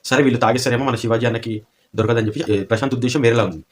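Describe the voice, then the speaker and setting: A man's voice: mid-range voice, steady tone, racing. A man giving opinionated commentary, asking pointed rhetorical questions.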